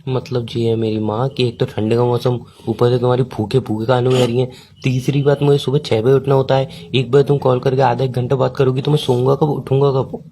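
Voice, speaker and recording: A fast-talking man grumbles through a comedic phone-call sketch as an exasperated boyfriend. His voice is dark and mellow, and he teases and complains in quick bursts. A faint noise sits under the recording. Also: mid-range voice, little pitch movement.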